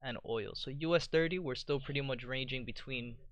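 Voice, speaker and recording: A man hosting a live trading stream, walking through charts in a relaxed way and often checking in with "you know" and "right?". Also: medium pitch, a little fast, no echo. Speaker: trading livestream host. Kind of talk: live market commentary.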